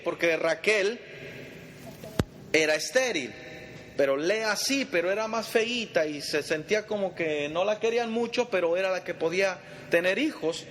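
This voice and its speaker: Male Bible study teacher, high voice, chatty, quizzes his listeners; long reverb and faint background noise. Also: animated, normal speed, fairly bright tone. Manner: quizzes the group and calls them brother.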